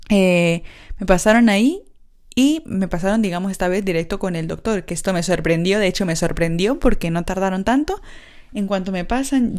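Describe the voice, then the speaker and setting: A woman's voice: mid-range voice, darkish tone. A young woman tells her own story in a casual, unscripted way. She sounds frank and exasperated and swears freely. Her talk is full of fillers and asides. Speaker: podcaster telling a personal story.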